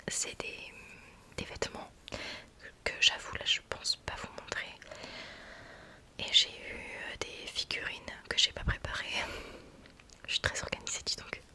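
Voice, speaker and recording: A woman's voice: normal speed, pauses often. Whispering woman, right in your ear. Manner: informal, excitable, self-deprecating. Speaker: ASMR content creator. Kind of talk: whispered ASMR, casual chat. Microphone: close budget USB microphone with pop filter.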